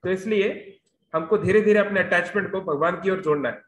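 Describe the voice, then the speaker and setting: A man's voice: sits high, fairly quick, fairly bright tone, reverberant, low-quality recording. A man giving a devotional youth lecture over a video call. He tells the story in a storytelling way, mixing in English words and using frequent fillers.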